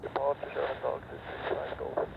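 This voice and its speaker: A man working as an air traffic controller, giving clipped takeoff clearances over a crackly aviation radio transmission. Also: mid-range voice, very animated, normal speed. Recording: tinny radio scanner with hiss.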